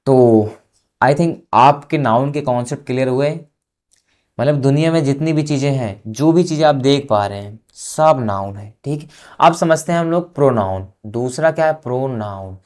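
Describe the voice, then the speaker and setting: Chatty Hindi-speaking grammar teacher. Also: male voice, medium pitch, darkish tone. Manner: keeps asking "samajh mein aaya?", drawn-out spelling and dictation. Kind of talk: informal classroom lesson.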